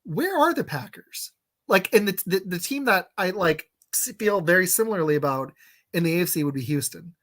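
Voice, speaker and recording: A man's voice: high voice, lively intonation, brisk, a bit bright. Rambling man hosting a sports chat. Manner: rambling, many fillers and restarts. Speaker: podcast host.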